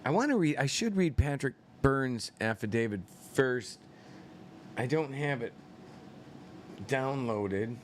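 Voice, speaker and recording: A man's voice: medium pitch, animated, takes it slowly, pauses often, a little hiss or hum. A man hosting a live-stream commentary show, rambling and swearing with many fillers and incredulous outbursts. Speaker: political commentary show host.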